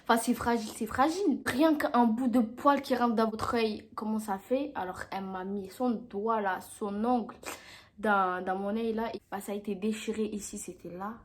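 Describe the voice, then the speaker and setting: A woman's voice: mid-range voice, normal speed. A young woman telling a dramatic story to camera in a casual storytime vlog, acting out what people said. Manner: animated, dramatic retelling with acted-out quotes. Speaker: vlogger.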